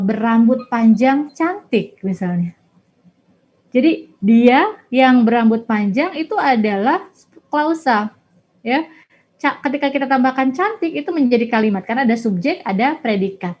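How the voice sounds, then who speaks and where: Lo-fi woman teaching grammar. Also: fairly high pitch. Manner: explanatory, frequent "nah" and "ya". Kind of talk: online grammar lesson. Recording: dull lo-fi audio.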